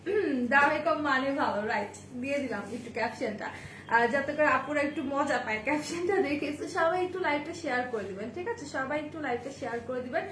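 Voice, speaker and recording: Chatty high-voiced woman hosting a live sale. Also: animated, fairly bright tone, a little hiss or hum. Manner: chatty, quick greetings to each viewer by name. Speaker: live-stream seller and host. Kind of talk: live sales stream, chatting with viewers. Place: indoor shop with bags on display behind her. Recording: echoey room with faint ambience.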